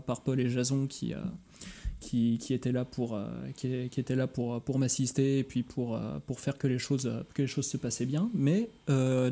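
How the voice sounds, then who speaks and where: A man from France chatting on a podcast, halting often with fillers and restarts. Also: mid-range voice, dark tone. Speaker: podcast host interviewed about his music shows. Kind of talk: casual podcast chat.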